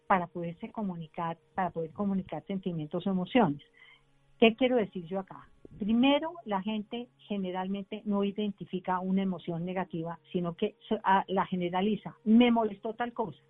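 A woman couples therapist explaining, step by step and with examples, how to express feelings in a radio discussion. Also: medium pitch. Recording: phone-line sound with faint music.

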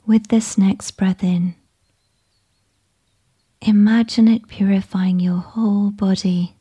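A woman whispering a slow, soothing guided meditation with gentle instructions. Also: mid-range voice, fairly even intonation, slightly rough.

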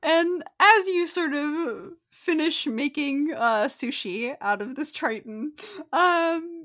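A woman's voice: high voice, lively intonation, slow, a bit bright. A woman narrating a tabletop role-playing game as game master, in a casual conversational way.

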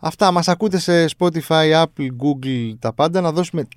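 A man's voice: on the high side, clear, resonant tone, no echo. A man co-hosting a podcast in a small studio, chatting casually and joking, laughing easily. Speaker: podcast co-host. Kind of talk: casual chat.

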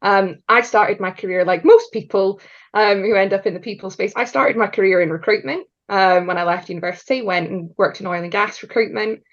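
A woman's voice: medium pitch, fairly quick, dull audio. A woman guest on a podcast, talking enthusiastically and casually, with some swearing. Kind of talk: casual interview chat.

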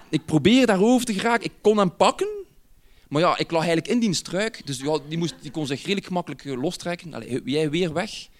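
Man, Flemish accent, personal anecdote, lively pitch, chuckling storyteller. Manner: animated, chuckles often while telling.

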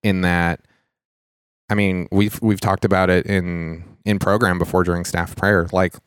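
Deep clear guy, earnest storyteller, dry close sound. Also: level tone, a little slow, no echo. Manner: earnest storytelling, frequent "like" and "right?". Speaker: mentor and lighting designer. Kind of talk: casual faith podcast conversation.

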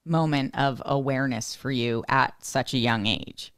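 Interview host, mid-pitched, measured and articulate, dry close sound. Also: fairly bright tone, clean tone, dry recording. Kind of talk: reflective interview conversation.

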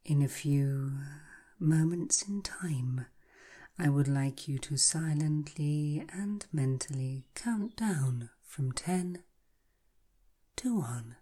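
A woman guiding a hypnotic relaxation in a soft, breathy, half-whispered voice, slow and soothing like a calming countdown. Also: deep voice. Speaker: hypnotherapy guide. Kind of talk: guided hypnosis relaxation, scripted narration.

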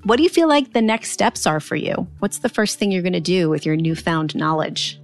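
A woman's voice: lowish voice, big pitch swings, fairly quick, faint music behind. A woman speaking as a podcast host in a conversational interviewing style.

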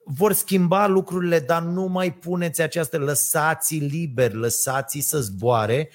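Man with a slightly high voice; casual, hesitant ranter full of fillers. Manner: ranting, hesitant with many fillers. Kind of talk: casual chat.

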